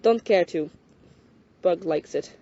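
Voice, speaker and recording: A woman playing a gruff, curt young wanderer. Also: lowish voice, slow pace, warm tone. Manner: curt, clipped and swearing. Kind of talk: amateur audio drama. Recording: dull lo-fi home recording.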